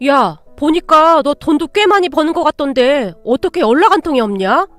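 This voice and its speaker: A woman's voice: high-pitched, expressive, moderate pace, a bit bright, no room sound, soft background music. A woman voicing a grown man's blunt, scornful older brother in a storybook reading. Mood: demanding. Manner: brusque, demanding.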